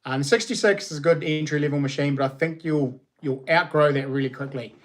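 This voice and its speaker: A man's voice: fairly high pitch, a little fast. A man with a broad New Zealand accent hosting a casual livestream, chatting to viewers in an informal, slangy, matey way. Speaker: livestream host.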